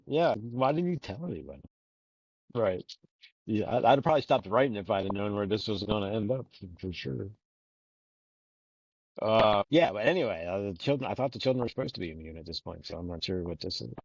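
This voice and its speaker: Low voiced guy rambling and cursing on a podcast, dry dull lo-fi mic. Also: expressive, brisk, creaky, a little mellow, slightly rough, no echo. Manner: rambling, swears often, loose and joking. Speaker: podcast co-host. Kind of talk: casual book discussion. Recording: dull lo-fi recording.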